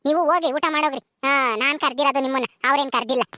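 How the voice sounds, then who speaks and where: A woman's voice: high-pitched, fairly even intonation, rapid-fire, sharp tone. A woman playing an outspoken village matron. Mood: defensive. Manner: scolding, protective, commanding. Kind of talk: village family drama acting.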